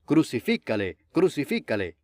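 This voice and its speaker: A man's voice: mid-range voice, huge pitch swings, moderate pace, darkish tone, dry recording, clean studio sound. A man reading as an angry crowd of priests. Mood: insistent. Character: angry crowd of male priests demanding death.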